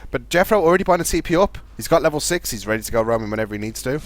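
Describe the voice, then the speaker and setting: A man casting a live video game match, fast play-by-play with a fairly steady delivery. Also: medium pitch. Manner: fast, chatty play-by-play talking to co-caster; calls his own voice monotone. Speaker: esports caster.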